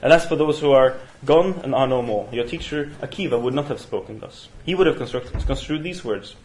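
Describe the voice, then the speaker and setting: Leading a study session in a university room, a Norwegian man delivers a seminar lecture in a mid-range, darkish voice, stumbling through fillers and restarts. It was captured on a single room mic, and the recording is rough.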